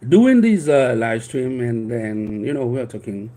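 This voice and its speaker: A man in his fifties from Haiti, a life coach who grew up speaking Haitian Creole, tells a personal story with a Haitian accent, earnest, rambling and frequently restarting. His medium-pitched, warm voice swings widely in pitch at a measured pace.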